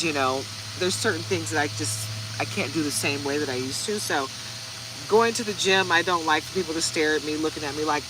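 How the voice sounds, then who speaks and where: With background noise behind her, a fortysomething woman talks chattily to her audience as she lays out tarot cards for a relaxed vlog. Her voice is on the low side.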